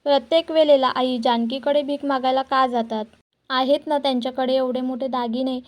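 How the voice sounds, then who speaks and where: A woman's voice: high-pitched, steady tone, normal speed, close to an everyday voice. Woman reading as a scolding proud young wife. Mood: angry scolding. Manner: sharp and scolding. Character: proud angry young wife, scolding her timid husband.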